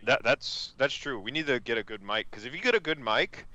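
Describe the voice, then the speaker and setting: A man's voice: medium pitch, animated, fairly quick, bright, forceful tone, dry recording. A man hosting a casual gaming stream, chatting and telling rambling, joking stories. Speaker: streamer host. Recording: dull lo-fi mic.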